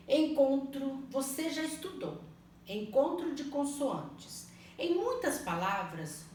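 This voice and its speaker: A woman teaching a primary school language lesson, spelling out words slowly and patiently, often checking that the children follow. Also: sits high. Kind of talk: slow, clearly spelled-out online lesson. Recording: echoey room, mic at a distance, faint noise.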